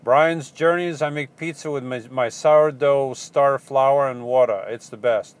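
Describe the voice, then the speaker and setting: In a smooth, steady mid-range voice, a man with a Portuguese accent talks through viewer questions on his van-life vlog's casual live Q&A. He stumbles along with ums, restarts and rambling.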